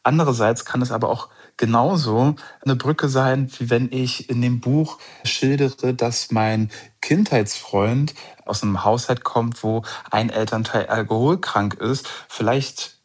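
A man with a husky, slightly breathy voice talks through his thoughts as an interview guest. He searches for words and leans on casual fillers. He sounds reflective and relaxed. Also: mid-range voice, a little slow, few pauses. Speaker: author and journalist, interview guest. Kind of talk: conversational interview.

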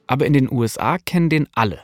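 A man's voice: medium pitch, animated, fast, music in the background. A man hosting a podcast, delivering scripted narration with casual asides and informal slang peppered with English loanwords. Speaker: podcast host, journalist.

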